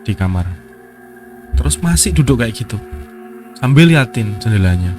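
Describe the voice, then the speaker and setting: Soft-spoken man telling a spooky story over music. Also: mid-range voice, very animated, normal speed, low-quality recording. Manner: hesitant, quoting his own words, soft-spoken. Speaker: guest storyteller. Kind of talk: casual horror story telling. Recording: music playing behind.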